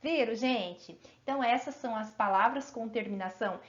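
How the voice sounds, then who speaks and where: Woman teacher, high voice, encouraging classroom delivery, dull lo-fi sound. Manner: encouraging, asks pupils frequent check-in questions; stretches out example words slowly. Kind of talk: grammar lesson for children.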